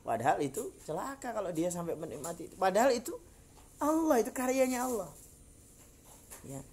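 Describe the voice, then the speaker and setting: Male preacher, Javanese accent, animated and jokey, echoey outdoor pickup. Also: high voice, brisk. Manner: jokey, acts out little dialogues, laughs often. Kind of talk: relaxed Quran study talk to an elderly group. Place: outdoor park gathering.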